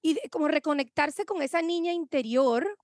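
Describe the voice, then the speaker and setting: A woman's voice: high-pitched, expressive, moderate pace, no echo, clean studio sound. A woman hosting an interview, adding brief agreeing comments. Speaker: interviewer host. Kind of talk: conversational interview.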